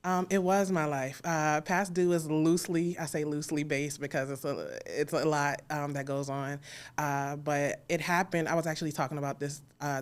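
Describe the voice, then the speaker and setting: In a relaxed live interview, an American woman from Alexandria, Virginia, appears as a guest and talks about her work creating audio dramas. Her voice is low-pitched with a clean tone.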